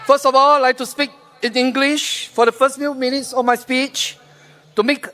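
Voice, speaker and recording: Singaporean male candidate, very high voice, political rally speech, speaks straight to the crowd. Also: level tone, normal speed, pushed and bright, slight background noise. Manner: addresses crowd directly with questions and instructions. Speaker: election candidate. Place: outdoor rally field, over a PA.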